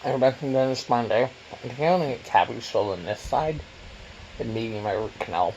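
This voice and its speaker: A man's voice: mid-range voice, brisk, darkish tone, highs cut off. Man chatting casually over a noisy meal. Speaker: vlogger. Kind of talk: casual mukbang chat while eating. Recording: noisy room, clattering cutlery and dishes.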